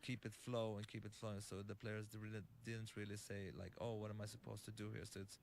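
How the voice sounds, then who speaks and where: Low, flat-voiced male game creator. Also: gravelly, slight background noise. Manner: halting, many fillers and restarts. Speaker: game creator giving commentary. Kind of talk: developer commentary.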